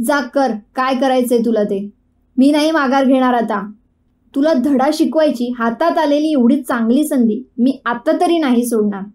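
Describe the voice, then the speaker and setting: A cocky, scornful young man trades barbs in a storybook tale, put on by a woman narrator. The voice sits high and mellow, with a taunting, mocking edge. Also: normal speed, lightly acted.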